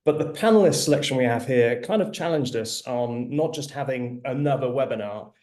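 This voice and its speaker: Male moderator, medium pitch, informal webinar hosting, halting and filler-heavy. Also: darkish tone. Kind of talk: informal hosting of an online panel.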